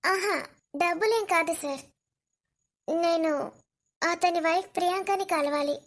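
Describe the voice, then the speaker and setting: A woman voicing a young woman posing as a nurse in an animated family drama, pleading and insistent. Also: very high voice, unhurried.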